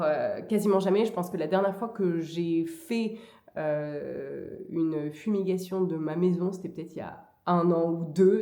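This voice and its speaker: A woman talking casually and hesitantly in a vlog, with frequent pauses as she gives advice. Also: fairly low pitch, a little mellow. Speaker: vlogger. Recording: echoey room.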